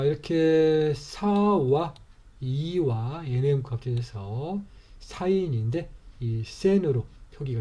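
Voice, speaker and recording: 느리고 어두운 목소리의 남성 강사. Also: male voice, mid-range voice, dark tone. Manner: patient, repetitive, methodical explaining. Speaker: teacher and author. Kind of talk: slow step-by-step lecture.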